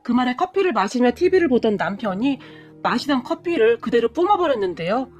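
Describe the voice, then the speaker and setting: A woman narrating a story in first person, expressive and dramatic. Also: a little high, brisk, soft background music. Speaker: story reader.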